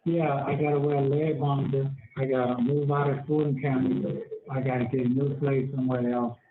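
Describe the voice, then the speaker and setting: A man's voice: medium pitch, little pitch movement. Inmate-type male voice heard over a prison phone, hollow, with a faint hiss, hesitant. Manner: halting, repeats himself. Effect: on a prison phone line. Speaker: inmate on a jail call. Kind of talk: phone conversation. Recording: tinny echoey prison phone line, faint noise.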